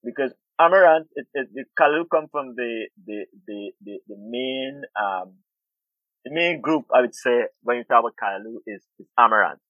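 A middle-aged man from Guyana, an urban farmer and food activist, speaks about farming as an interview guest in a mid-range voice with lively intonation at a moderate pace. He's thoughtful and repeats words as he looks for them. The tinny, phone-like recording has no echo.

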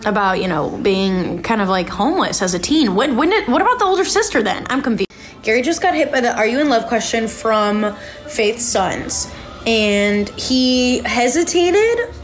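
With faint music playing behind her, a young female podcast host reacts live to a show in a casual recap chat. She speaks at normal speed in a higher-pitched, very animated voice.

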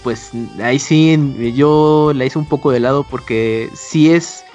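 A man's voice: medium pitch, a little slow, a little mellow, muffled recording, faint music behind. A man with a Mexican accent in a casual podcast discussion about video games. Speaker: video game podcast panelist.

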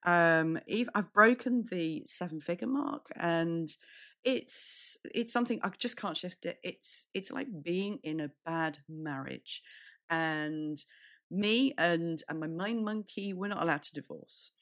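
A British woman with a croaky, breaking voice, hosting a solo business podcast in a candid, conversational way and speaking straight to the listener. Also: lowish voice, unhurried, a bit bright. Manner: candid, addresses listener directly. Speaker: podcast host.

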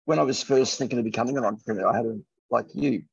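On a panel, a middle-aged entrepreneur tells anecdotes in an emphatic, conversational manner, his medium-pitched voice racing, creaky, and husky. The audio is lo-fi and muffled, though without echo.

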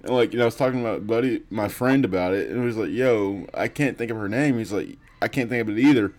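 A man's voice: on the low side, fast, a little mellow. Laughing, rambling man on a podcast. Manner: laughs often, loose and rambling. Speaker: podcast co-host. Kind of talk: casual chat.

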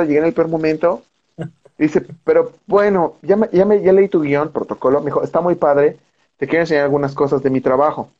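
Mexican guy, director on a podcast, telling a story all slangy, kinda high voice, muffled lo-fi sound. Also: darkish tone. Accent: Mexican Spanish. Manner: casual, slangy, acts out quoted voices. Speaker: film director guest. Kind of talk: animated storytelling anecdote.

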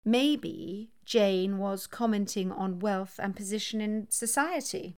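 A woman's voice: medium pitch, slow, smooth, lightly acted. A woman reading the part of a poised, coolly provocative upper-class young woman in an audiobook. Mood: coolly teasing.

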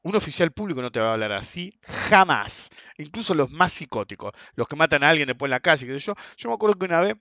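A man's voice: fairly high pitch, very animated, fast talker, hardly any pauses, bright, forceful tone, dry recording. A man with an Argentine accent ranting in a casual monologue, blunt and crude, often tagging his sentences with "ok?" and "viste?". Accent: Argentine Spanish. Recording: dull, lo-fi and dry.

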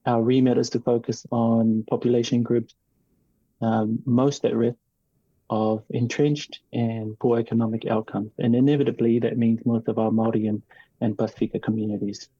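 A man born in New Zealand and raised partly in Tonga, a guest in an interview, speaking in a measured, reflective way with frequent ums and restarts. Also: medium pitch, flat delivery, mellow, slightly rough, no echo, dull audio. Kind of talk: casual interview talk.

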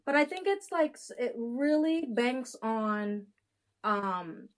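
With a slightly high voice and lively intonation, this Haitian-born woman in her thirties talks slowly and openly as an interview guest. She works as an adoption consultant, and in the relaxed conversation she frequently starts her sentences over.

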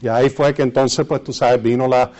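A man with a Puerto Rican Spanish accent preaching and reading scripture, repeating phrases for emphasis and pausing to search for words. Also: medium pitch, flat delivery, a little mellow, highs cut off. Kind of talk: sermon with Bible readings and asides to listeners.

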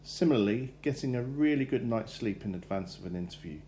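A man reading a measured, instructive careers advice segment for a podcast. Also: medium pitch, expressive, mellow, slight background noise. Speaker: careers adviser.

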